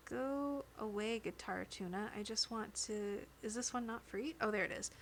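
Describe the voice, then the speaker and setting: A woman streamer chats casually with her viewers, rambling from one thought to the next and laughing easily. She speaks into a close dynamic microphone at an ordinary pitch, with a faint hiss of noise underneath. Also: moderate pace. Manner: chatty and rambling, often laughing. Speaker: livestreamer. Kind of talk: casual livestream chat with viewers. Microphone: dynamic studio microphone.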